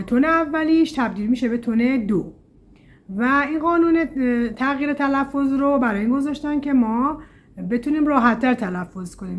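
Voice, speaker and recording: A woman from Iran teaching Chinese pronunciation in a casual lesson, pausing often with "uh" and stretching example words out slowly. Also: a little high. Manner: explains slowly, with frequent "uh" fillers.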